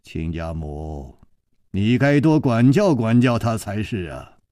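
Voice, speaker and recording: A man voicing a stern, commanding old master swordsman who speaks in a deep, low voice. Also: little pitch movement, slow, a little mellow, slightly rough, no echo, clean studio sound, heavily acted.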